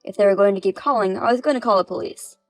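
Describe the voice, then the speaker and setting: A woman's voice: medium pitch, fast, faint music behind. A woman's synthetic voice narrating a text-message story as a firm, cold-spoken mother. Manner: firm, cold, matter-of-fact.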